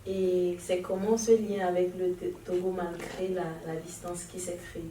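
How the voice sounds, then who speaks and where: Mellow-voiced woman interviewer, echoey room. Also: fairly low pitch, little pitch movement, normal speed. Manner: formal and polite. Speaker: interviewer, filmmaker. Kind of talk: interview questions. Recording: echoey room, mic far off, faint noise.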